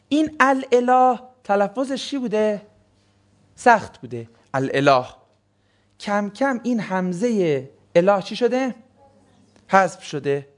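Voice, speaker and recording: A man's voice: high-pitched, big pitch swings. A man teaching a class on the meaning of sacred words, who keeps asking the students questions and then answering them himself. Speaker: religious studies teacher. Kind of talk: classroom lecture on Quranic words.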